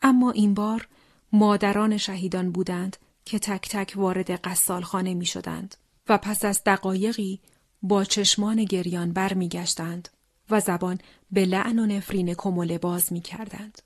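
A woman narrates a grim wartime account in a solemn, measured read. Her voice sits at an ordinary middle pitch and keeps dropping into hushed, breathy whispers. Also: fairly even intonation, dry recording, clean studio sound. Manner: solemn, slow, often sinks to a hushed whisper. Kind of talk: scripted narration of a wartime testimony.

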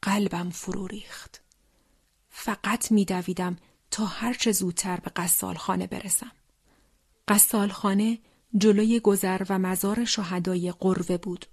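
A woman reading a wartime testimony as scripted narration, solemn and slow, often sinking into a hushed whisper. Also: mid-range voice, fairly even intonation, husky, no room sound, clean studio sound.

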